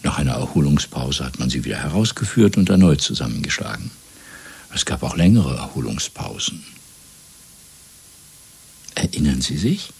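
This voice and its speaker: In a restored 1970s German radio play recording, a male actor gives a full character voice as a calm, cold party interrogator, methodical and menacing. His very deep voice is husky and gravelly with a darkish tone and a sing-song lilt. He speaks in a measured, formal way, probing with rhetorical questions.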